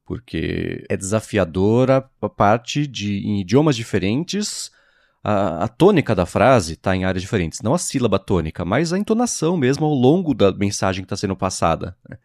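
Lower-voiced guy on a tech podcast, measured explainer, dry sound. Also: sing-song, creaky, a little mellow, no room sound. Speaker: podcast co-host. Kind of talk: casual tech chat.

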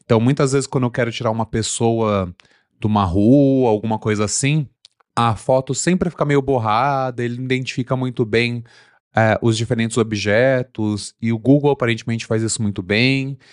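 A man's voice: mid-range voice, fairly even intonation, normal speed, no room sound, studio quality. A man with a Brazilian Portuguese accent, giving opinions on technology in casual conversation. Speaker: tech podcast co-host. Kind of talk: casual chat.

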